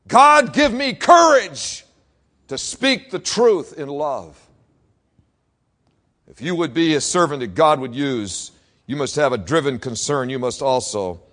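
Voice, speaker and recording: A man, a senior pastor, preaching a sermon with dramatic storytelling, dropping to a hush and rising to loud exclaims. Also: high-pitched.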